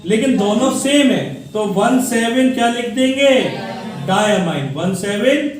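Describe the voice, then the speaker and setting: A man's voice: very high-pitched, measured pace, crowd noise. A male chemistry teacher lecturing at a board, quizzing students and repeating key words for them to answer. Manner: call-and-response questioning, repeats key words. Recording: echoey room from far off.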